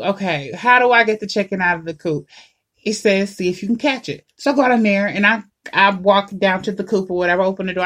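A woman's voice: mid-range voice, fairly bright tone. Woman host, loose storytime monologue, swears freely and laughs through it. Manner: profane, laughing, rambling with many fillers.

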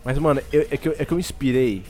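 A man's voice: mid-range voice, fast, dark tone, faint music behind. A young man with a Brazilian Portuguese accent, telling stories in a casual, sweary, rambling podcast chat. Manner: slangy, sweary, rambling storytelling. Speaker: podcast co-host.

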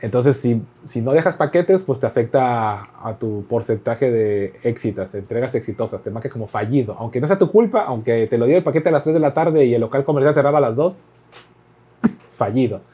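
A man with a Mexican accent, talking in an easygoing podcast chat. His voice sits at a middle pitch with a dark, mellow tone. He spins animated anecdotes, slipping into other people's lines and cursing without a second thought. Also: fairly quick, breathy edge. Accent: Mexican Spanish. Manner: animated storytelling, acts out dialogue, swears freely. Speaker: podcast talker recounting delivery work.

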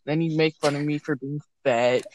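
A man's voice: on the high side, steady tone, normal speed, a little mellow, slight background noise. A teenage boy telling a rambling, crude story to friends over an online voice call. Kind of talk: casual chat among friends.

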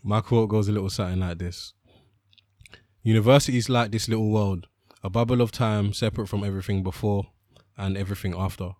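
A man's voice: fairly low pitch, fairly even intonation, fairly quick, a little mellow, dry recording. Young London roadman podcaster, dry sound. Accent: London roadman, multicultural urban London. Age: 20s. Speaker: podcast co-host. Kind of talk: casual slang-heavy chat.

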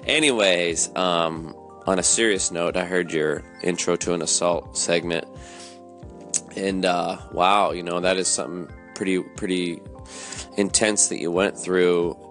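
A man from Alaska leaving a casual, friendly voice message for a podcast host, halting with fillers. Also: deep voice, steady tone, fairly bright tone, faint music behind.

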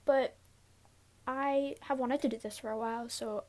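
Young woman, higher-pitched, nervous and giggly, halting casual solo podcast delivery from inside a closet. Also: steady tone, darkish tone. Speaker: podcast host. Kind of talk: casual confessional solo talk. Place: inside a closet, sitting on a pillow.

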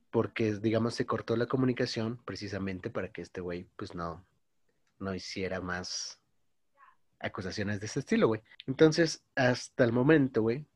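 Slangy young Mexican man, low voice. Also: husky, no room sound. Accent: Mexican Spanish. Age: 20s. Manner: slangy, says "güey" constantly, storytelling. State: coughing. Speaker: podcast co-host. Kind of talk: casual chat.

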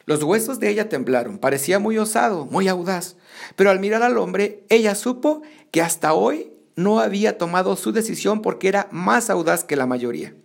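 Gravelly man reading a novel aloud. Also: high-pitched. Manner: reads steadily, restarts after slips. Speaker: audiobook reader.

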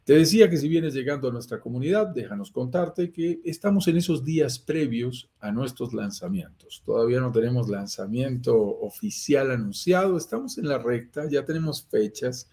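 A middle-aged Colombian man with a Colombian accent hosts a live real estate investment stream for viewers. His mid-range, mellow voice is lively in intonation and moves at normal speed with hardly any pauses. He comes across as earnest, listing synonyms and leaning on frequent "eh" fillers.

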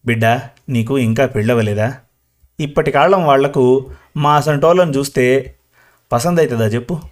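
A man doing a slow, rambling old grandmother. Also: medium pitch, lightly acted. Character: chatty old village grandmother, talkative and proud. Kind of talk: storybook reading.

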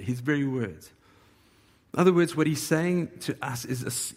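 A man's voice: mid-range voice, creaky, a little mellow, breathy edge. Man preaching in a reverberant hall. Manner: conversational preaching, acting out quoted voices. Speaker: pastor. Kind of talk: sermon.

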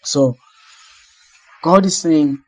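A man's voice: on the high side, very slow, poor audio. A man from South Africa preaching a sermon, earnest and repeating phrases for emphasis.

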